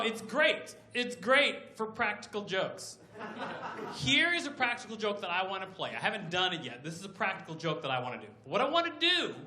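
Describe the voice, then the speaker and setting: A man doing a stand-up comedy set in a club, with loud, animated punchlines and bursts of shouting. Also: sits high. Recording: echoey club with loud crowd noise. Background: audience laughter.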